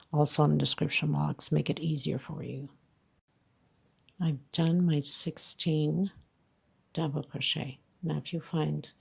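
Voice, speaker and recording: With a low, gravelly, husky voice of darkish tone, a congested woman teaches a crochet tutorial step by step. As the instructor, she patiently counts her stitches aloud.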